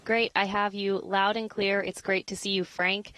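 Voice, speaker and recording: An American woman moderates a press briefing in a polished, official style. Her mid-pitched voice is recorded dry, with scripted announcements delivered cleanly. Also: level tone, moderate pace, a bit bright, dry recording. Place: space center briefing room, dry close sound.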